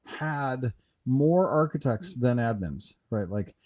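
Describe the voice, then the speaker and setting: Mellow-voiced man chatting loosely. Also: mid-range voice, animated, takes it slowly. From Denmark. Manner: rambling, full of restarts and "right?" asides. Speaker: podcast co-host. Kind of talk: casual chat.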